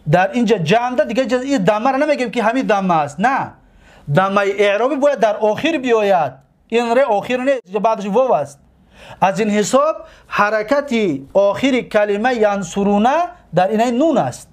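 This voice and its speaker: High-voiced man teaching grammar. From Tajikistan. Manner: explains step by step, repeats terms, asks students questions. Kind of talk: classroom grammar lesson.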